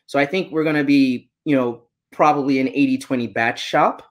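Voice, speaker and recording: A man in his forties answering questions as a guest on a video call, talking with animated gestures from a small room at home. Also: mid-range voice, normal speed. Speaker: guest speaker, data engineer. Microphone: laptop webcam on video call.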